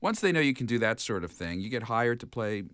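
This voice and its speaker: A man's voice: medium pitch, sing-song, fairly quick, fairly bright tone, clean tone, no echo, clean studio sound. A man from New Jersey, a voice actor, talking playfully in an interview. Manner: playful, jumps into funny voices. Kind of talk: joking interview.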